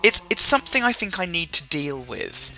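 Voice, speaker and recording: A man's voice: high voice, big pitch swings, moderate pace, bright, forceful tone. A man giving rambling, jokey game commentary with silly asides, his voice sore and strained. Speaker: gaming commentator.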